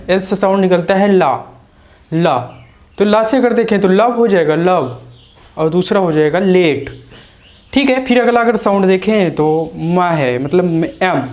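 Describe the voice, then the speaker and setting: A man with an Indian accent teaches English letter sounds in a fairly high voice. He sounds out each letter, then repeats every example word slowly and deliberately. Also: darkish tone. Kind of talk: spoken English phonics lesson.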